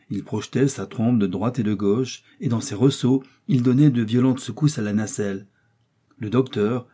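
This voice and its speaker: Low, husky male audiobook narrator. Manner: steady, measured storytelling. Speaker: audiobook reader. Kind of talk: scripted narration.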